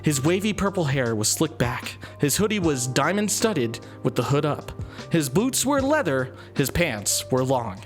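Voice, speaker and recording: A man narrating a comedic story for friends, playful and quick to laugh at his own lines. His voice sits a bit high and bounces around in pitch, with faint music in the background. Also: sing-song.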